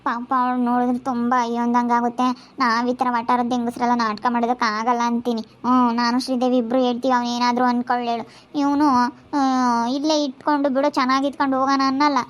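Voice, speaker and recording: A woman's voice: on the high side, monotone, fairly quick, natural voice. A woman playing a chatty, sympathetic neighbor lady who tut-tuts over the young wife. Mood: sympathetic gossip. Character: gossipy sympathetic woman neighbor, middle-aged.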